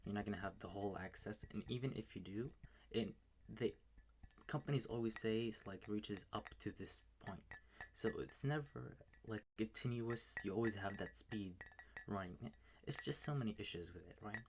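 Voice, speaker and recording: A man's voice: lowish voice, moderate pace, slight background noise. A man whispering close to the mic, ranting casually and swearing often in a homemade ASMR video at home at night. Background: faint keyboard tapping and clicks.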